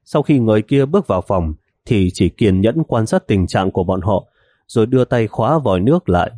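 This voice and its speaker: A man narrating a novel in an even, steady storytelling manner. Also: fairly low pitch, fairly quick, no echo. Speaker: audiobook narrator.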